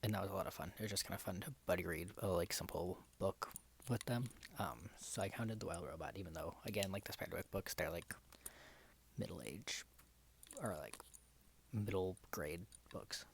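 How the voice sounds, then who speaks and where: A camera-shy man at home talking quietly in a whispered ASMR-style book vlog, rambling and correcting himself as he goes. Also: low-pitched, moderate pace, vocal fry, slight background noise. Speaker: book vlogger. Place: home, indoors. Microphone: desk microphone in front of a camera.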